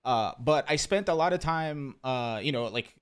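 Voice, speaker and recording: Rambling man guest with a mid-pitched voice. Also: moderate pace, clear, resonant tone. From from Brazil, raised in rural Pennsylvania. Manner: relaxed, rambling, heavy use of "like". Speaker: podcast guest, former musician. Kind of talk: casual podcast chat.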